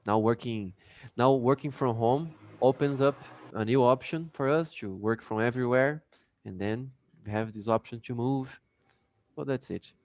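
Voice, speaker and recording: Speaking with a Brazilian Portuguese accent, this Brazilian man runs a casual English lesson by video call, his talk full of fillers. He has a mid-range voice with a darkish tone and a moderate pace.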